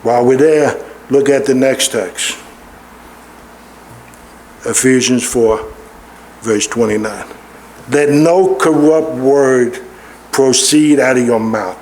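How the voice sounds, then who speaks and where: A man's voice: medium pitch, slow, pauses often, a little mellow, slight background noise. A middle-aged man preaching a sermon in a church, stressing and repeating his key words. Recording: roomy echo in a large hall.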